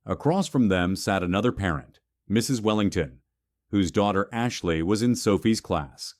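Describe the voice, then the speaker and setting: A man narrating a dramatic story in an expressive, scripted storytelling style. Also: lowish voice, moderate pace, no room sound.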